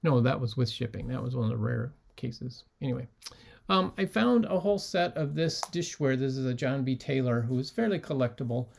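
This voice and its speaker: Gravelly-voiced man chatting about resale finds. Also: mid-range voice, brisk. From United States. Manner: relaxed, many ums, holds up items. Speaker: reseller showing sold items. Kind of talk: casual vlog talk.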